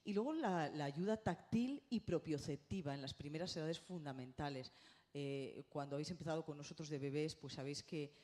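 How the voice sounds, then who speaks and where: A middle-aged woman giving a lively conference lecture as a speech therapist, often tagging her points with a quick question. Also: low voice. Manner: animated, lively, checks in with tag questions. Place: conference hall.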